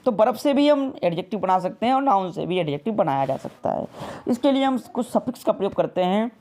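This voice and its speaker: A woman teacher giving a grammar lesson. She drills lists of words, reads the rules out slowly word by word, and keeps checking with "clear?". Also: mid-range voice, expressive, dark tone. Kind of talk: grammar lesson, mixing Hindi and English.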